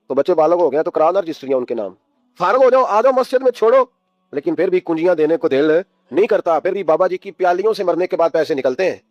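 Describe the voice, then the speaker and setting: A man with a fairly high voice preaches an emotional sermon, firing rhetorical questions at his listeners and weaving stories into his message. The recording is dull and muffled, with a close, dry sound and almost no room echo. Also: darkish tone. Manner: rhetorical, exhorting, storytelling.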